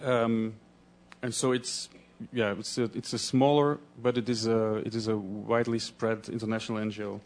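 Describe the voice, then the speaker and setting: At a conference, a man from Belgium who speaks Dutch presents in a halting manner, restarting often as he gropes for words. He has a lowish voice and a level tone.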